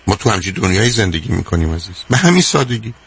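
Older man, gravelly husky advice host. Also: low-pitched, big pitch swings, a bit bright. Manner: emphatic, repetitive, calls the caller dear. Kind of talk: call-in advice talk.

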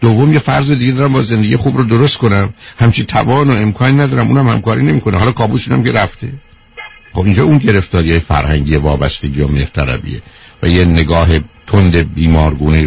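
A man with a very low voice hosts a call-in advice program on the radio. He speaks directly and lectures, often addressing the caller as dear. The sound is dull and broadcast-like, with a faint hiss behind it. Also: gravelly.

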